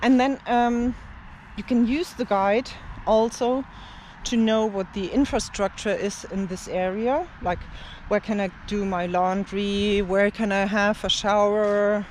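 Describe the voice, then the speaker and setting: In a steady, mid-range voice, a language teacher who also vlogs about travel speaks casually to camera in an open field; German is the first language. The pace is slow and wandering, with frequent fillers and gentle laughs. A little hiss or hum runs under the recording.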